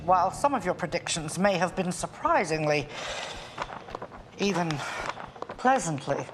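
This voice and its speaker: A cold, demanding female principal in a TV teen drama. She scolds slowly and icily, her low voice swooping up and down for emphasis. Music plays under the scene. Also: animated, rough recording. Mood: stern. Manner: slow, clipped, icy scolding.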